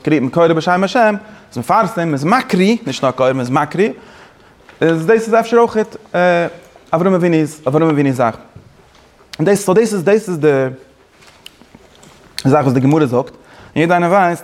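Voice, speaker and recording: A man teaching a Torah class, talking fast with many restarts and mixing in Hebrew and English phrases. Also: fairly high pitch, animated. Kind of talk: Talmud-style lecture.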